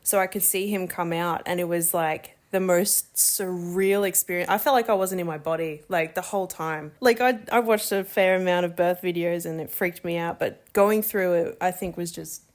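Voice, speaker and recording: Laughing readily, a young new mother shares her birth story in relaxed, open conversation. She speaks on the low side at a normal speed, with a steady tone and hardly any pauses.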